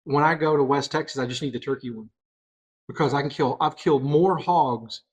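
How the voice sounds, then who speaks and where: A middle-aged man hosting a podcast, telling a hunting story in casual chat, excitable and animated. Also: medium pitch, a little fast. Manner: excitable, animated storyteller, voices others in quotes. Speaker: podcast host.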